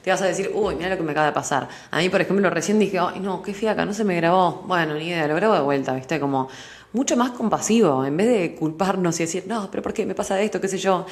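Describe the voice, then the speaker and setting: A young woman with a Rioplatense accent talks quickly in a low register, hosting a solo podcast. She explains things animatedly, leaning on everyday examples. Her voice bounces around an echoey room. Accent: Rioplatense Spanish. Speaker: podcast host. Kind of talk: casual solo podcast talk.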